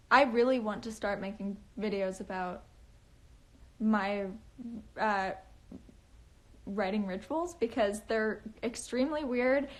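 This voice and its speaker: Nervous valley-girl young woman, unhurried. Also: fairly high pitch. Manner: nervous valley-girl talk with many fillers. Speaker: author livestreaming to fans. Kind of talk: casual livestream chat, reading comments. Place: at home. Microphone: phone.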